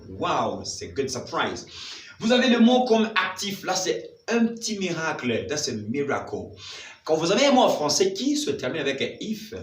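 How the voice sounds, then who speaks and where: A man teaches a vocabulary lesson with an animated voice that jumps up and down in pitch, stressing and repeating words for practice. He sounds set back from the mic in an echoey room. A faint ambient hum sits behind him. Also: distant mic. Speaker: language teacher.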